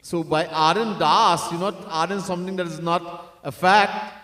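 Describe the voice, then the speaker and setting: In a temple hall, a man with a high-pitched, bright and forceful voice teaches as a swami at moderate pace with fairly even intonation. He earnestly repeats his key points in this devotional discourse and sometimes chants verses in song, recorded from far off in an echoey room.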